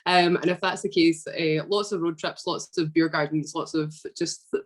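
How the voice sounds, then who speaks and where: Low-voiced Scottish woman, chatty. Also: moderate pace. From Scotland. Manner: chatty, relaxed, frequent fillers. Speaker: podcast guest. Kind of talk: casual interview.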